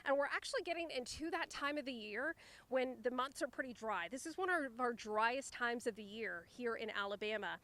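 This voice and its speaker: Woman doing a live tv weather hit outside, kinda high voice, chatty and informal. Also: lively intonation, brisk, a bit bright. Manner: conversational, chatty, informal asides. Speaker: TV meteorologist, field reporter. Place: outdoors, riverside park.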